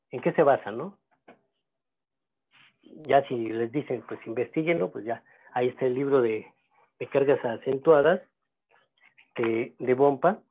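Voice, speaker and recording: Gravelly man lecturing over a tinny line. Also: mid-range voice. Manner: halting, many fillers and restarts. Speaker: seminar instructor. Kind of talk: lecturing at a seminar.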